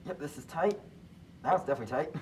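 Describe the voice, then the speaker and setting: Female student in a hands-on demo, low-pitched, slight background noise. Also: lively intonation, fast, darkish tone. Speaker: student trainee at the lathe. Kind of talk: practical demonstration, short replies to an instructor. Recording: faint shop background noise.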